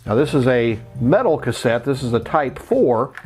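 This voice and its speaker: Very animated and speaking at a moderate pace in a mid-range voice, a middle-aged host of a vintage electronics channel walks through a casual tutorial. He explains things plainly, one step at a time, over background music.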